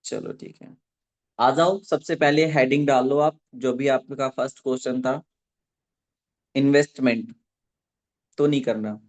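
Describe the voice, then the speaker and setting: Leading a live online network marketing training, a man dictates his points slowly so listeners can take notes, checking in with them after almost every sentence. His voice is medium-pitched and steady in tone.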